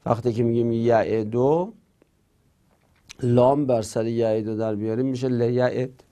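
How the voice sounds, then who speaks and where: Male teacher, a bit of fry in a warm low-toned voice, steadily reading out rules and explaining them. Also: steady tone. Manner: methodical, reads rules aloud then explains them. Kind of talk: grammar lesson.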